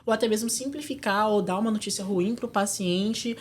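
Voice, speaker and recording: Brazilian podcast host, woman, quick talker, faint noise behind. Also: mid-range voice. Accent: Brazilian Portuguese. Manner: rambling, thinking aloud while asking. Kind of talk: interview questions.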